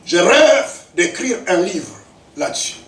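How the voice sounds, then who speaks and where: High-pitched booming preacher in his fifties. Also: sing-song, slow pace. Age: 50s. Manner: declamatory, swinging between loud shouts and low emphatic asides. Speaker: pastor. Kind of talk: sermon. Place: church. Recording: echoey church hall, mic at a distance.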